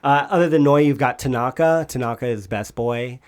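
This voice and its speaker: A man's voice: mid-range voice, a little fast, clean tone. Rambling, laughing podcast guy. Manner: rambling, swears freely, laughs often. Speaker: podcast co-host. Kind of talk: casual podcast chat.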